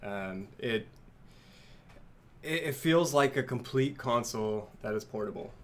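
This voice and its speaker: A man's voice: medium pitch, expressive, measured pace. A man co-hosting a live gaming show, chatting casually, teasing his co-host and laughing often. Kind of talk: casual live-stream chat.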